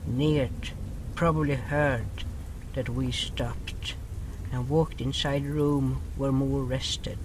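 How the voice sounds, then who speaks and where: Lightly acted and steady in tone, a man's mid-range voice speaks slowly as an earnest creature relating its story in an audio drama. The delivery is solemn and broken, with articles dropped, the creature small beside its raging ally, and the audio very noisy.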